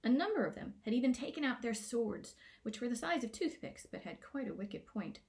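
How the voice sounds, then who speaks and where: Reading from her own children's fantasy book, a woman narrates the scripted story with playful expression. She has a fairly high voice and speaks a little fast.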